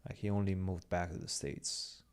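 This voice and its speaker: A young Romanian-speaking man co-hosts a chess stream, reading chat, talking casually with viewers and thinking through moves aloud. His voice sits low and sounds darkish and clean, with a flat delivery at a moderate pace.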